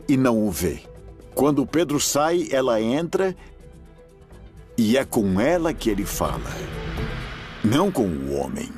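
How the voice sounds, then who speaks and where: A man's voice: mid-range voice, darkish tone. A man voicing a documentary expert, explaining emphatically. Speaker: expert interviewee, dubbed. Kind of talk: documentary voice-over dub. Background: faint music.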